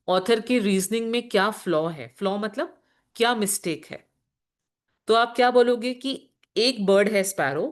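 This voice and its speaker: Woman teacher explaining step by step. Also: medium pitch. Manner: explains patiently, asks and answers her own questions; mixes English terms into Hindi explanations. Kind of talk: classroom lecture.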